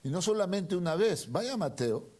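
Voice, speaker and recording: A man preaching a sermon and reading a Bible passage aloud, with emphatic repetition that moves between hushed asides and loud stressed lines. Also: high voice, big pitch swings. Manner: reads the Bible aloud slowly and dramatically.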